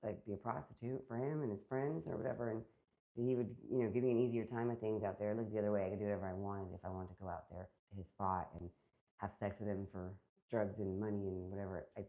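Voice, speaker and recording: A woman's voice: extremely low pitch, fairly even intonation, fast. A woman being interviewed, recounting a personal story in a rambling way, full of fillers and quoted back-and-forth. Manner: rambling, filler-heavy retelling with many quoted exchanges. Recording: phone-like narrow band.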